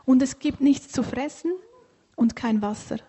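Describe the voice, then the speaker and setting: Storybook camel, sulky grumbler, lilt, slow, breathy and mellow, put on by a woman narrator. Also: high voice. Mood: grumbling. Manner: grumbling, whiny, drawn-out complaints. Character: grumpy complaining tired camel.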